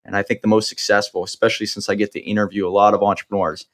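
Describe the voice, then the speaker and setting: Low-voiced man hosting a podcast. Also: level tone, very fast, a bit bright. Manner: encouraging, sums up and adds ideas. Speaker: podcast host. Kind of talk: interview chat.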